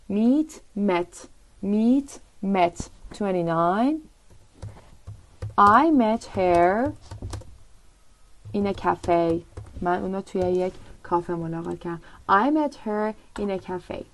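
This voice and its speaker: Gravelly-voiced woman teaching English. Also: mid-range voice. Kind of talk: language lesson, explaining in Persian with slow English examples.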